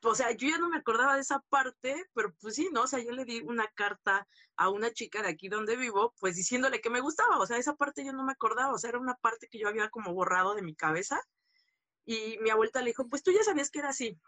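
A woman's voice: fairly high pitch, fast talker, pushed and bright, dry recording. A woman, a guest recounting a personal story in candid, filler-heavy talk. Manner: candid, full of fillers and tag questions. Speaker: interview guest.

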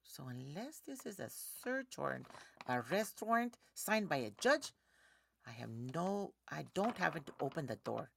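A woman's voice: deep voice, very animated, a little slow, gravelly, a little hiss or hum, exaggerated voice. An actress playing a stubborn woman who refuses to open her door, curt and defiant. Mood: firm.

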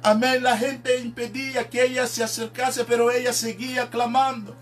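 A man's voice: very high voice, little pitch movement, moderate pace, soft background music. A man preaching a sermon, emphatic and dropping in frequent amens. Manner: emphatic, peppers speech with "amén".

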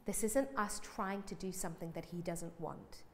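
Animated woman preaching in a hall. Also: on the low side, moderate pace, a little hiss or hum. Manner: animated, self-mocking, acts out quotes. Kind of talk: sermon. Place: church hall with congregation. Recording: church hall with long reverb.

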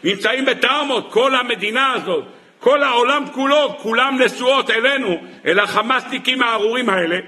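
A rabbi giving a sermon on the weekly Torah portion, impassioned, rising into pleading and dropping to hushed asides, slowing down when quoting sources. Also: male voice. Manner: impassioned, swinging between raised pleas and hushed low asides.

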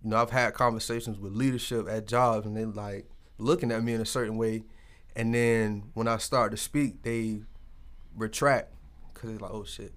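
A man's voice: on the low side, moderate pace. A man telling personal stories in casual, candid conversation, colloquial and peppered with swearing. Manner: colloquial, sweary, animated storytelling.

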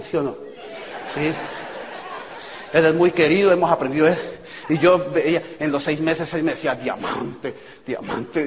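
A man giving an animated motivational talk, acting out dialogues with sudden loud bursts. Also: high voice, slight background noise. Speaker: motivational speaker at a business event. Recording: echoey hall, dull lo-fi sound.

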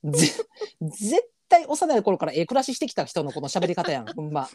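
Kansai woman co-host; rapid, bouncy delivery, lots of laughter, lower-pitched and warm. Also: slightly rough, dry recording, studio quality. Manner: rapid, excitable, laughing banter. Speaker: podcast co-host. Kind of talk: casual podcast chat.

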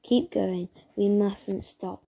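A woman's voice: medium pitch, fairly even intonation, slow pace, gravelly, dark tone, husky, exaggerated voice. A woman voicing a protective ten-year-old boy who urges a younger girl on. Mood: urgent. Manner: urgent, coaxing.

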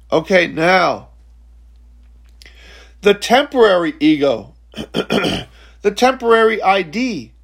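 In a slow, reflective spiritual teaching talk, a man in his forties halts and repeats words, often checking in with "okay?". His voice sits high and carries vocal fry.

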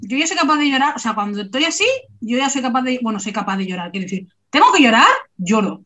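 A woman hosting a casual book club chat, talking in an animated, emphatic and playful way. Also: fairly high pitch, quick pace.

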